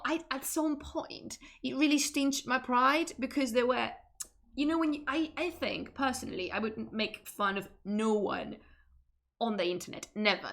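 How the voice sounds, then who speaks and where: This streamer, a woman from Spain, has a fairly high, fairly bright voice with vocal fry. Speaking accented English in a casual chat, she often laughs, breaks off mid-thought, and begins her sentences again.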